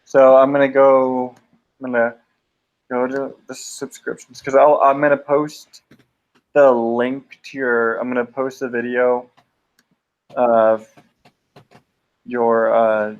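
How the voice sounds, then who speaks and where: Slow-talking streamer man, dull sound. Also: mid-range voice, clear, resonant tone. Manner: relaxed, mumbles to himself. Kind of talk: casual chat.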